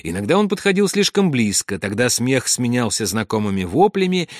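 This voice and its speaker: Lively dramatic male audiobook narrator. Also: brisk, no room sound, clean studio sound. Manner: dramatic, sinks low and quiet at grim moments.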